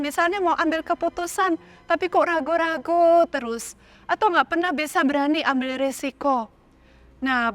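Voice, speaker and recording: Animated, high-pitched nun giving a casual talk to young people. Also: female voice, no room sound. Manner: lively and animated, acts out little voices and examples.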